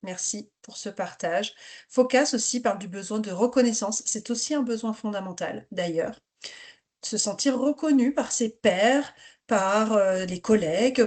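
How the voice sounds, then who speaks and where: A woman's voice: mid-range voice, darkish tone. A woman leading an interactive online workshop for teachers, encouraging participants to share, speaking over a video call. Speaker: teacher trainer leading a webinar.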